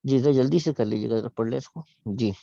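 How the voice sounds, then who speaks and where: A man with a Pakistani Urdu accent, teaching an online Arabic class. He reads Arabic phrases slowly and drawn out, then explains them briskly. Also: medium pitch, gravelly, dark tone, dry recording. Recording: dull, dry lo-fi sound.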